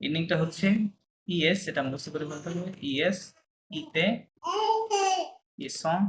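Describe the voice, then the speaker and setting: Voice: medium pitch, steady tone, a little slow, a bit bright, slight background noise, rough recording. An online French teacher explaining verb endings patiently, checking understanding often and mixing English and French terms into the lesson.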